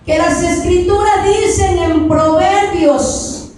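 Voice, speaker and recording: A high-voiced woman delivers a sermon testimony in a slow, impassioned way, at times chanting her phrases. She is heard from a distance in a very echoey church hall, with faint noise behind her. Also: steady tone, darkish tone. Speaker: preacher giving testimony.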